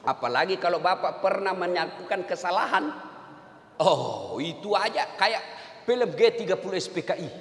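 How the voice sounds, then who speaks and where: Male preacher, high and sharp voice, jokes while he teaches, echoey hall. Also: expressive, normal speed. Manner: jokey, addresses the men in the audience directly. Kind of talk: humorous sermon.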